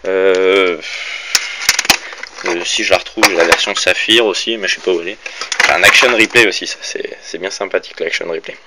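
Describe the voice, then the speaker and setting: A man's voice: low voice, fairly even intonation, a little fast. A young man with a French accent from the Orléans area, rambling casually through a room-tour vlog in his bedroom, filmed on a handheld phone with many fillers and self-corrections. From France. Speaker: YouTuber showing his room and gear. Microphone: phone camera held by hand. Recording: faint background hiss from cheap phone.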